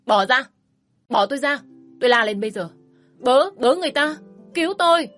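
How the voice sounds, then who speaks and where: A woman voicing a fiery, fed-up divorced young mother who talks sharp and scornful and shouts in anger in a storybook reading. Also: mid-range voice, a little fast, faint music behind, close to an everyday voice. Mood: screaming. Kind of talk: storybook narration.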